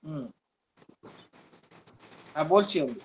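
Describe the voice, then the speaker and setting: In an online class, a man teaches homeopathy, explaining at length and acting out how patients speak. His voice is on the high side, expressive and slow, with a breathy edge. The recording has its highs cut off.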